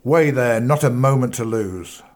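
A man reading an audiobook voices a fierce, blunt male Bow Street officer who speaks gruffly and forcefully in an old-fashioned way. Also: medium pitch, expressive, unhurried, lightly acted. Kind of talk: audiobook character voice.

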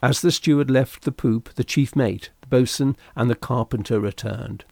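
Brief: male narrator, measured storytelling, gravelly texture, dry close sound. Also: medium pitch, a little mellow, no room sound. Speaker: audiobook narrator. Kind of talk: scripted narration of a classic sea novel.

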